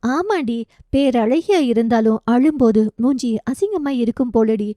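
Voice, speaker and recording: A woman's voice: on the high side, lively intonation, normal speed, mellow, no echo, clean studio sound, lightly acted. A woman reading a novel aloud, voicing an affectionate middle-aged aunt who teases and scolds her niece. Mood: teasing. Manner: teasing, scolding fondly.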